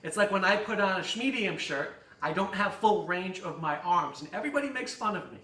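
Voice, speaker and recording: This fitness coach has a high, lively voice that is brisk, pushed and bright, bouncing around an echoey studio and caught by a distant mic. He runs a guided stretching class full of jokes and upbeat counting.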